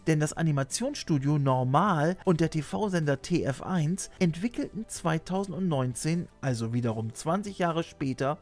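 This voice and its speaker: There's music under this middle-aged man's fairly high, slightly mellow voice as he narrates and hosts a scripted video essay. He speaks into a desk mic indoors, in a small room lined with shelves.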